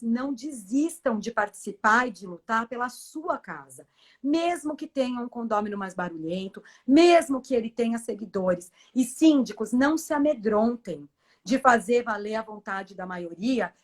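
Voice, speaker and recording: A Brazilian woman, a professional condominium manager, giving emphatic, persuasive advice in a live-streamed interview. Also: on the high side. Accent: Brazilian Portuguese.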